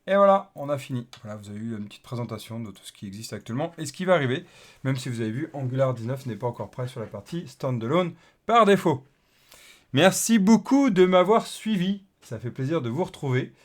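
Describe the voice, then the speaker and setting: A man's voice: mid-range voice, expressive, quick pace. A man talking through a casual coding screencast, thinking aloud as he types, with lots of fillers and repeated okays. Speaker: developer teaching coding. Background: keyboard typing and clicks.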